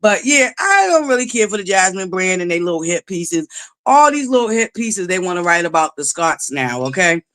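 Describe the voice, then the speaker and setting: Loud sassy woman doing live commentary, boisterous, goes off into shouts now and then. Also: lowish voice, big pitch swings, normal speed. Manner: sassy, bursts into shouts and laughs. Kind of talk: casual live-stream commentary.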